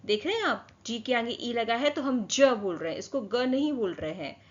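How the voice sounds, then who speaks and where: A slightly high-voiced woman teaches children phonics, her pitch rising and falling a lot. She goes slowly, drawing out each example word and asking questions. The lo-fi recording sounds a bit muffled. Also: lively intonation. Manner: slow, drawn-out word modelling with repeated questions. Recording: dull lo-fi sound.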